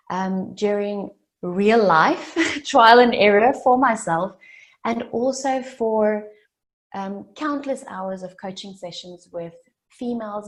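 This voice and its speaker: In a mid-range voice, a summit speaker delivers a motivational keynote with real earnestness, letting repetition carry the story forward. She is a South African woman in her late twenties and a native speaker of Afrikaans.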